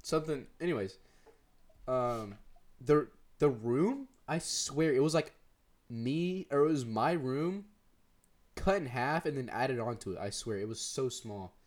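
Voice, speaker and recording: Animated and a bit mellow, this teen boy's mid-range voice keeps a measured pace as he co-hosts a podcast. He rambles through his stories in relaxed conversation, laughing frequently and dropping "dude" again and again.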